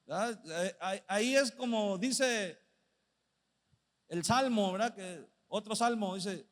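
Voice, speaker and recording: Guy preaching, keeps asking the crowd questions, real high voice, long church reverb. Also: fairly bright tone. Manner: asks the congregation frequent rhetorical questions; slows right down when reading Bible verses. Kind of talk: sermon.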